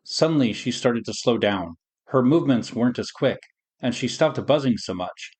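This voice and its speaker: A man reading a children's story aloud as the narrator, in a calm, even storytelling manner. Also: mid-range voice, moderate pace, breathy edge.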